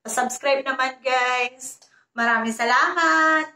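A woman's voice: high voice, slow pace, sharp tone. A woman vlogger telling a ghost story in a chatty, casual way, often addressing her viewers, heard in a roomy echo.

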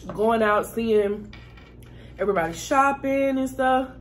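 Talking a little slowly in a highish voice, a woman eats on camera and chats with viewers in a relaxed, chatty mukbang. There's a little hiss or hum.

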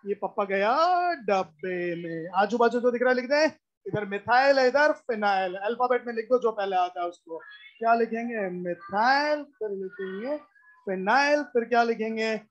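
A woman's voice: on the high side, normal speed, lo-fi sound. A woman teaching a live class in a lecture, repeating key points and constantly quizzing her students. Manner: repetitive, drilling explanations.

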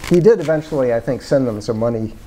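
A man's voice: mid-range voice, animated, quick pace, dark tone, a little hiss or hum. An older man talking as an author being interviewed, reflective and meandering with many fillers, on a lapel mic in a small parlor-style room. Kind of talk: casual conversation.

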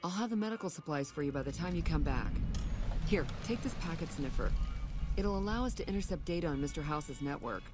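A woman's voice: low-pitched, expressive, a little fast, over music. An actress playing a helpful, businesslike young woman scientist in a video game. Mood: brisk, encouraging. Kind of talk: video game character dialogue.

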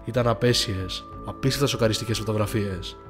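A man's voice: fairly low pitch, fairly even intonation. Man narrating a horror story. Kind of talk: scripted first-person horror narration. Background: faint background music.

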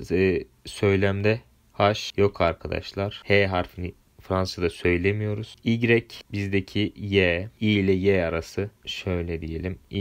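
A very deep-voiced man with a Turkish accent gives a language lesson. He works through each sound patiently, spelling letters out one at a time in a steady teaching voice. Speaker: French teacher. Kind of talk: grammar lesson explanation.

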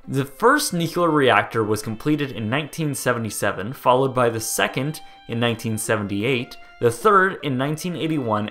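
A young man from the United States with a mid-range voice hosts a casual documentary video. Narrating over the footage, he is jokey and excitable and stumbles over place names.

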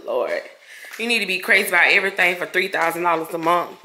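A woman's voice: fairly low pitch, fairly even intonation, rapid-fire, pushed and bright. A young woman, crying through an emotional vlog house tour, exclaiming and calling her viewers y'all, filmed on a handheld phone in an empty new house. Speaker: vlogger.

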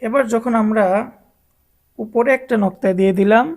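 A woman's voice: fairly high pitch, fairly even intonation, darkish tone. A woman teaching Arabic letters to adult learners as a Quran teacher, drawing out each letter name and repeating it for the class to echo. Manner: drawn-out, repeated letter names for students to echo.

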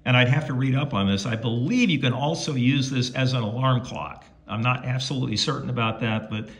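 A brisk, mid-range male voice walks through a how-to in a folksy, easygoing way, the presenter talking himself through every step. He's at home beside a tabletop radio, and the recording is clearly noisy and clicky.

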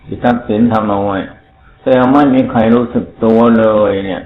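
A monk delivers a sermon in a low, loose, conversational voice that wanders from point to point. The recording sounds thin and phone-like, with a roomy echo and a faint hiss underneath. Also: male voice, normal speed. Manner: rambling, conversational preaching.

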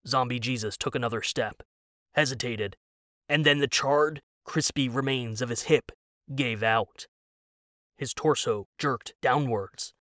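A man narrates a scripted story as a dramatic audiobook, his delivery deliberate and suspenseful. The mid-range voice is bright and forceful, recorded with clean studio sound and no room ambience.

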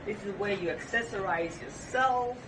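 A middle-aged woman from Tanzania, a gallery owner giving a guided tour of her shop with a friendly sales pitch. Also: moderate pace. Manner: warm sales pitch, showing items. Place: indoor gallery in a home. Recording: roomy and distant with background noise.

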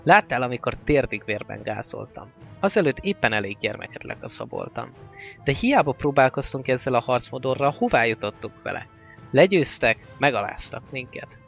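A man voicing a fierce, weary male orc warlord in a stern, forceful manner, on a slightly dull recording with faint music. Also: mid-range voice, animated, vocal fry. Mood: grim.

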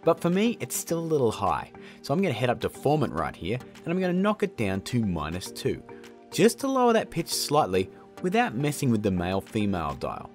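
Hosting a casual, jokey video tutorial show from a small indoor studio room, a man in his thirties speaks briskly at medium pitch with huge swings in his intonation. Faint music plays in the background.

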